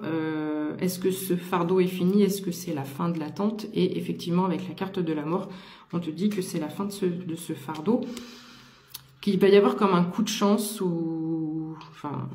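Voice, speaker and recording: Woman doing a tarot reading, lots of ums and restarts, lowish mellow voice, echoey room. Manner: hesitant, many fillers and restarts. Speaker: tarot card reader. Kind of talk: casual tarot reading addressed to viewer.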